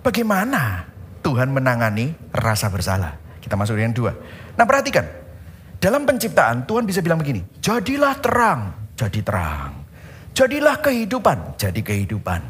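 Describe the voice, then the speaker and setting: A man preaching a sermon as pastor, animated, moving between loud calls and hushed words and acting out quotes. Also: medium pitch, slight background noise.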